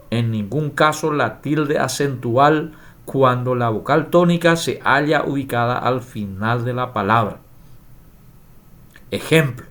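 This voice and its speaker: Slow, deliberate man teaching. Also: medium pitch. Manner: slow, deliberate, reads rules and examples aloud. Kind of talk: spelling lesson.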